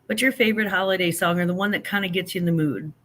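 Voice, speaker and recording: Speaking rapid-fire in a fairly low, fairly bright voice, a grandmother runs a casual livestream. She answers viewers with rambling, self-deprecating chatter, and her allergies leave her a little stuffy.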